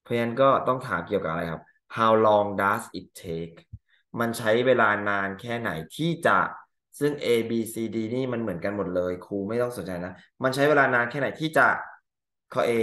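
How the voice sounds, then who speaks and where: Male English teacher, lowish voice, talks through test answers, drawls the English lines then explains loosely; echoey room. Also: fairly bright tone. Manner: reads English items slowly, then translates casually.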